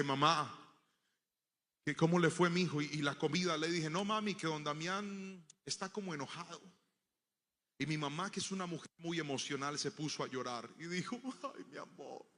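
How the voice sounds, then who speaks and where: A man's voice: on the high side, sharp tone, big-room sound. A man preaching a sermon, telling a personal story and acting out the dialogue in it before building to emphatic preaching.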